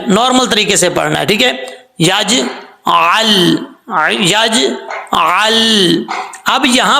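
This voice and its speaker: Male tajweed teacher, patient and step by step, high gravelly voice, chants the verses slowly. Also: bright, forceful tone, roomy sound. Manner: patient, explains step by step and checks understanding; draws out words slowly, with melodic chanting when reciting. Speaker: Quran recitation teacher. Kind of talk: tajweed lesson.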